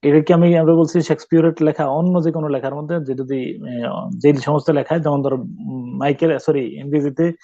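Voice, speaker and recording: A male teacher giving a classroom poetry lesson, questioning students and pausing often to search for words. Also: fairly high pitch, fairly even intonation, warm tone, no echo, lo-fi sound. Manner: stops to quiz students, mixes English terms, many hesitations.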